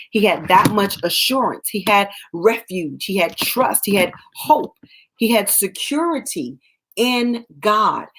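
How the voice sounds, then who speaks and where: A woman's voice: medium pitch, a bit bright, breathy edge. A woman giving casual Bible teaching as host of her web show, talking conversationally and acting out scripture scenes in quoted voices.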